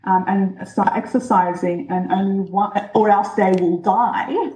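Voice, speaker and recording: A woman born in Egypt and raised in New Zealand and Australia, speaking as an interview guest and explaining her ideas in a measured way. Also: medium pitch, steady tone, mellow. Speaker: guest, change expert. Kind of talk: casual interview. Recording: roomy echo.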